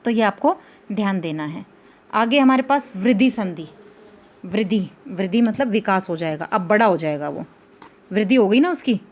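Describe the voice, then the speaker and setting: A woman teacher giving a grammar lesson, repeating rules, stretching out examples and asking the class whether they follow. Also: fairly high pitch. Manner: explains slowly and repeats rules, asks pupils checking questions.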